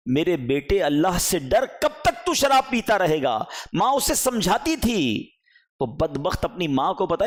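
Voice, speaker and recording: A man preaching a sermon, impassioned, rising and falling emphatically as he pleads with his listeners. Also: fairly high pitch.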